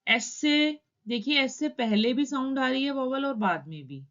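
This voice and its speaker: A woman teaching shorthand in a calm, step-by-step tutorial, explaining each stroke and vowel in turn. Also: high-pitched, moderate pace, muffled recording.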